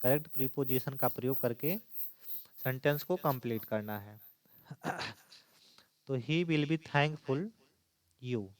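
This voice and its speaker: A man's voice: medium pitch, no echo. A man teaching an exam-prep lesson, explaining step by step and repeating key points.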